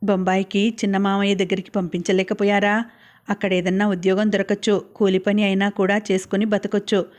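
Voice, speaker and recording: Woman doing a gentle, concerned granddaughter. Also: mid-range voice, flat delivery, brisk, close to an everyday voice. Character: caring young woman gently questioning her grandmother.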